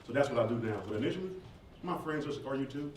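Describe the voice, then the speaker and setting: A Southern American man with a medium-pitched, rapid-fire voice answers audience questions as a performer, telling stories in a casual, joking, animated way. He's in an echoey indoor event space with an audience, picked up by a distant mic with background noise.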